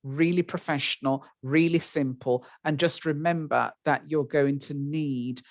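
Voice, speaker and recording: A woman's voice: sits low, steady tone, unhurried, dry recording. A woman teaching a beginner's webinar, talking chattily with many ums and you-knows. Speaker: webinar presenter. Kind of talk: webinar lesson.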